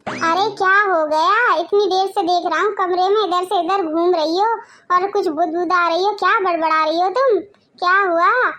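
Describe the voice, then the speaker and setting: A woman voicing an easygoing husband who coaxes his wife and avoids conflict, in an animated family drama. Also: very high voice, moderate pace. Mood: coaxing. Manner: coaxing, laid-back. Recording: dull, lo-fi audio.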